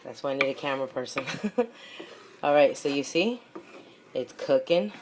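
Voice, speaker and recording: Her voice rumbles low yet stays expressive, moving at a measured pace as this home cook demonstrates a dish at her stove. She chats casually, encourages viewers and repeats short phrases while working, over a noisy kitchen backdrop of sizzling, stirring and pan clatter.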